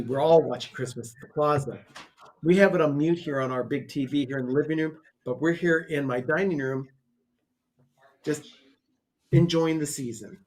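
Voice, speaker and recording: Man, co-host, casual commentary, chatty, slightly high voice, home dining room. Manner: chatty, greets viewers and explains the setup. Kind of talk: casual watch-party commentary.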